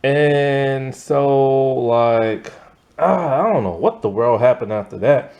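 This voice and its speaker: A man's voice: mid-range voice, takes it slowly, darkish tone. A young man casually recapping a TV episode in a loose, slangy, exasperated way, full of fillers and restarts. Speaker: TV episode reviewer.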